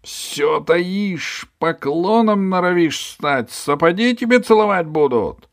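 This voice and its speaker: A shrill greedy hunchback tyrant. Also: male voice, expressive, a little slow. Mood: shrill bullying. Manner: screeching, bullying. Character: shrill cruel male hunchback overlord, greedy.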